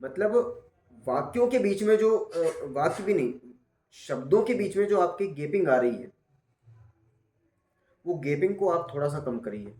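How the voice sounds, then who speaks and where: A man's voice: a little high, sing-song, unhurried, long pauses, a little mellow. A man teaching a class who gives patient, step-by-step feedback and often checks that he has been understood. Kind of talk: spoken feedback in a class session. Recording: roomy echo.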